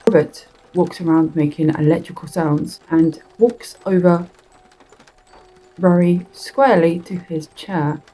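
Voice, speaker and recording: A woman tells a horror story in a slow, deliberate reading that draws out its words. Her voice sits low, dark and husky. Faint music plays behind her. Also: low-quality recording. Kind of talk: spoken horror story narration.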